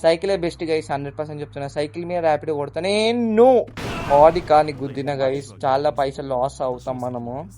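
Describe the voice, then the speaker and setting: A young man gives chatty gameplay commentary. His voice sits a little on the high side. He keeps talking to his viewers and shouting to people in the game. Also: fairly quick, slight background noise. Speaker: gaming YouTuber.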